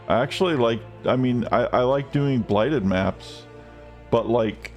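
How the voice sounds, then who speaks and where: Rambling low-voiced male game streamer. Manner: rambling, loose, profane, with excited outbursts. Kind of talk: casual live-stream chat.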